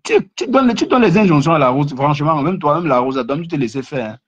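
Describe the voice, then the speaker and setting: A man's voice: lively intonation, brisk. A man ranting and mocking other creators on a casual live stream, repeating himself and stammering through restarts. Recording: muffled low-fidelity live stream.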